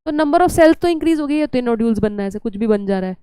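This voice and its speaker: A woman's voice: fairly high pitch, lively intonation, fast talker, mellow, clean tone, no echo. A young woman teaching biology in a chatty, scolding lecture style, often slipping English terms into her talk.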